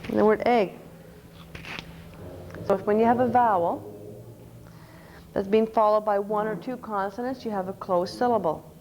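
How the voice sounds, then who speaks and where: A woman's voice: mid-range voice, fairly even intonation, normal speed, long pauses, darkish tone, dull audio, slight background noise. A woman presenting a conference workshop on teaching reading, explaining step by step and spelling out letters. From Canada. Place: conference session room. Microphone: microphone.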